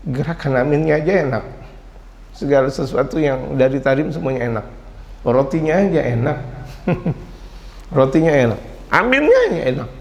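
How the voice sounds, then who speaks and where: A middle-aged male Islamic preacher giving a lively study sermon, mixing Arabic quotations with casual Indonesian and jumping suddenly in pitch as he tells stories. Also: normal speed, pauses often. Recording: long hall reverb.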